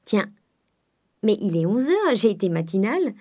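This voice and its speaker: A woman's voice: medium pitch, very animated, moderate pace, warm tone. A woman reading the part of an affable, coquettish young Parisian dandy, with an airy, polished, lightly teasing manner.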